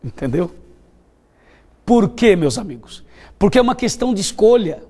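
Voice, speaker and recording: A man's voice: high voice, very animated, normal speed, a little mellow. A man with a Brazilian Portuguese accent, preaching a televised sermon as a pastor, telling stories in a conversational way and asking his listeners questions.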